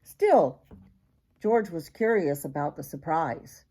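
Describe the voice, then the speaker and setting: Here the grandmother's voice sits low and warm, animated yet unhurried. She performs the children's storybook with dramatic flair, pausing for asides to the kids listening.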